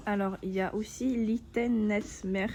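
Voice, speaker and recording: A woman's voice: mid-range voice, steady tone, a little slow, darkish tone, slight background noise. Rambling, chatty young woman vlogger. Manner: rambling, chatty, full of fillers. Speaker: beginner gaming YouTuber. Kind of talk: casual vlog chat.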